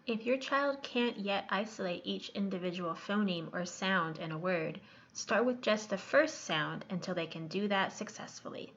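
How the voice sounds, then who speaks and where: A woman reading scripted voice-over narration in a clear, instructive tone. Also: medium pitch, moderate pace, hardly any pauses, a bit bright, a little hiss or hum. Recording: slightly dull lo-fi recording.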